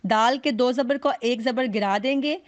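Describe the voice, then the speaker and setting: A woman with a fairly high voice teaches a recitation class. She is patient and methodical, and she draws each example out slowly. The recording is close and dry. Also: no room sound. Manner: patient, explains step by step and drawls out the recited examples. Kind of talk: online class lecture.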